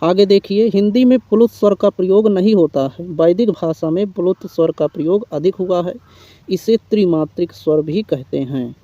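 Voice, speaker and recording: A man's voice: high-pitched, normal speed, dark tone, no echo. A man teaching Hindi grammar in an exam-prep lecture, reading definitions and listing examples step by step. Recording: dull, muffled lo-fi recording.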